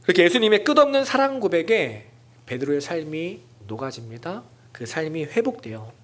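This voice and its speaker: A man preaching a Sunday sermon in a church, acting out the lines of the people he quotes and dropping to a soft whisper at tender points. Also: fairly high pitch, sing-song, normal speed. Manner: voices quoted dialogue with sudden soft whispered drops. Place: church sanctuary.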